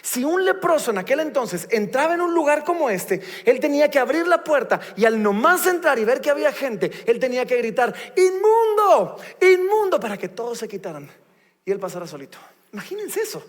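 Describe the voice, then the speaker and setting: A man delivers a sermon, reading scripture and retelling the stories with playful humor. His voice sits very high for a man. The long reverb of a church sanctuary trails behind every phrase. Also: a little fast. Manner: animated, reads scripture aloud and retells it with humor. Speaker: preacher.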